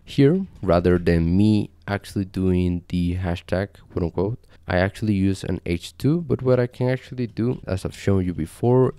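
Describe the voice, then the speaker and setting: Deep-voiced young man explaining code. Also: clean tone, no echo. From Costa Rica. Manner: relaxed, conversational, with frequent fillers. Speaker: coding tutorial host. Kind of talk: casual screen-share tutorial. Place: small home desk setup indoors.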